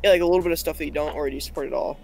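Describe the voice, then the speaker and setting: A man rattles off his words quickly in a fairly high voice. He is blunt and crude but laid-back, and he keeps calling people dude on a casual video chat. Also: steady tone, vocal fry, soft background music, low-quality recording.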